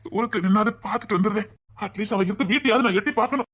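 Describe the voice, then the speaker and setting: A restless, lovesick police officer from an animated story, voiced by a woman, talking fast with a Tirunelveli accent and tripping over his words. The voice is husky and hurried. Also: mid-range voice, lightly acted. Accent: Tirunelveli Tamil. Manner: agitated, stumbling over words.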